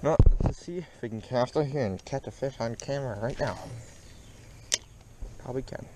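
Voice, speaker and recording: A man's voice: mid-range voice, normal speed. A young man with a Midwestern American accent giving upbeat casual commentary while fishing from a kayak on a lake, recorded on a head-mounted action camera. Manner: upbeat, chatty, talks while working the rod. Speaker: fishing vlogger. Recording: noisy outdoor camera audio.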